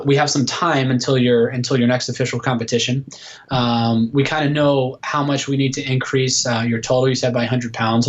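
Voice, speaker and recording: A man's voice: medium pitch, muffled recording. A man in his thirties, a guest coach on a casual podcast interview, explaining things patiently with many fillers. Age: 30s. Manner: explanatory, lots of "uh" and "um".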